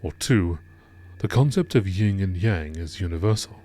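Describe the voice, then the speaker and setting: In a nature-documentary style, a low-voiced man narrates game lore entries from a script, formal and measured like a scientific log. His intonation is lively and his tone warm.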